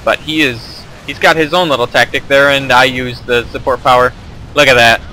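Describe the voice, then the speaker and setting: A man's voice: mid-range voice, steady tone, normal speed, sharp tone, a little hiss or hum, rough recording. A young man casually commentating his own strategy game replay, rambling and correcting himself as he goes. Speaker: gameplay commentator.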